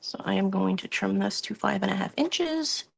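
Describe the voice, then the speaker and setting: A woman's voice: medium pitch, lively intonation, moderate pace, creaky, slight background noise. A woman hosting a craft live stream, chatting casually and rambling about her week while she works at her craft table. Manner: chatty, rambling, talks through her hands-on work.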